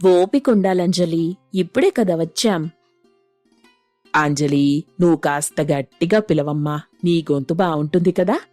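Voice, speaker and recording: A woman voicing a firm, sensible middle-aged mother-in-law in an animated story, commanding in tone. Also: lowish voice, measured pace, dry recording, faint music behind, close to an everyday voice.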